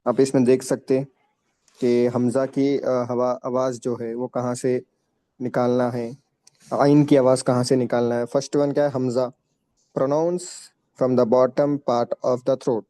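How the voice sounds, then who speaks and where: A man teaching a children's tajweed class, stretching each letter slowly and explaining patiently in with mixed in. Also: mid-range voice, little pitch movement, warm tone, no room sound. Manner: slow, drawn-out letter pronunciation with patient explanations. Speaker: Quran recitation teacher.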